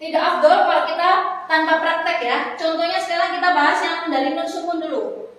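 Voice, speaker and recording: A woman teaching Quran recitation, explaining rules patiently and chanting each example slowly several times. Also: very high voice, fairly even intonation, a bit bright. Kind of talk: classroom lesson on recitation rules. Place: room in a foundation office, marking a board. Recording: echoey hall, voice far from mic.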